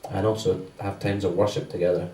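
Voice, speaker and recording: Low, mellow man giving church notices, chatty, in a roomy church. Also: flat delivery, fairly quick. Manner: loose and conversational, many fillers. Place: church hall. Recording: roomy church sound from a distance.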